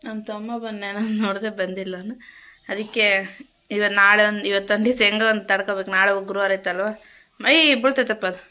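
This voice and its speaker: A woman's voice: medium pitch, steady tone, fast, pushed and bright. A woman chatting casually to her viewers at home in a vlog, repetitive and friendly. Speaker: vlogger. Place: home kitchen.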